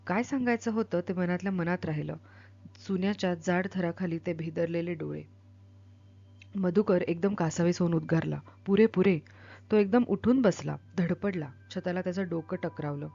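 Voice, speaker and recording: A woman reading a novel aloud with expressive, dramatic delivery, then explaining it as a literature teacher. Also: on the low side, moderate pace, vocal fry, lo-fi sound.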